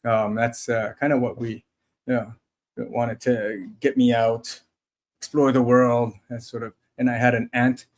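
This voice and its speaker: A man's voice: medium pitch, level tone, a little slow. A man in his forties from Taiwan, co-hosting a casual livestream chat, talking in a chatty, self-deprecating way with frequent restarts. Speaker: podcast co-host.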